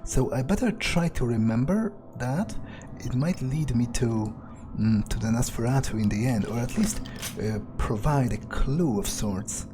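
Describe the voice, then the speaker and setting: Over game music, a man in a mid-range voice roleplays an irritable, foul-mouthed male vampire in a video game, offering in-character commentary on the gameplay. His delivery is lively in intonation, unhurried, lightly acted, and has hardly any pauses, as he muses aloud hesitantly in a wary, reflective mood.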